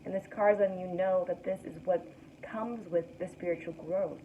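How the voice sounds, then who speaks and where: A young woman with a raspy morning voice, pitched on the low side and at normal speed, gives a casual tarot reading to camera as host. She is relaxed and soothing and guides the viewer's breathing. The audio is tinny and distant, with faint noise.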